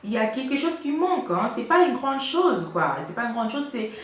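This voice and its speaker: A woman's voice: high voice, very animated, fairly quick. A woman giving couple advice in a casual vlog, chatty and full of hesitations. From Congo. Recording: echoey room, faint noise.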